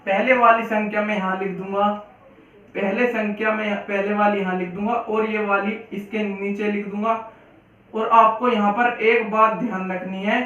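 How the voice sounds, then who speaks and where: A man's voice: high-pitched, little pitch movement, moderate pace, fairly bright tone. Guy teaching basic math, says every step twice, very echoey room, kinda far from the mic. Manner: repetitive, patient explaining. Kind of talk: Hindi classroom-style lesson. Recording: echoey, distant, dull room sound.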